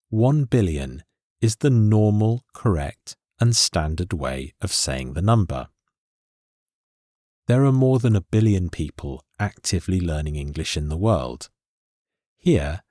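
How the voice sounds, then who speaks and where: Slow, deep-voiced English teacher. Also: male voice, darkish tone, dry recording, clean studio sound. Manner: slow, clear and deliberate explanation. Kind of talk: scripted lesson narration.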